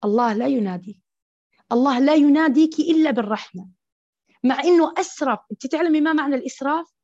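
A woman preaching a Ramadan sermon to a gathering of women, her fairly high voice climbing to emphatic, impassioned peaks. The sound is dull and dry, recorded close with no room around it. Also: lively intonation, fast, a little mellow, dry recording. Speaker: religious preacher.

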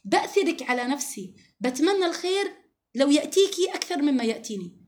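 Leading a religious lesson for a group of women, a woman speaks quickly in a high voice, with earnest emphasis and frequent scripture quotes. She sounds very animated and a little mellow.

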